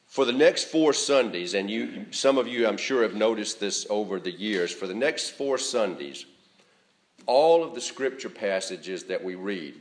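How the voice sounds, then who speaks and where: Pastor guy, lowish voice, easygoing sermon w lots of uhs and restarts. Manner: measured, conversational preaching with frequent fillers and restarts.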